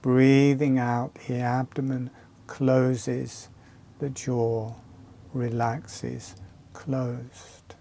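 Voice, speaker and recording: Leading listeners through breathing and relaxation, this man talks in brief, calm, soothing phrases with long silences between them. His mid-range voice is gravelly, accompanied by a faint hiss or hum.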